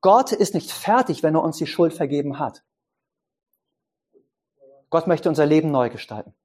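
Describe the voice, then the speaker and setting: A man's voice: lively intonation, normal speed. A man preaching a sermon who puts questions to his congregation and explains his points with simple images. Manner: pitch swings up for emphasis and drops low for quiet points.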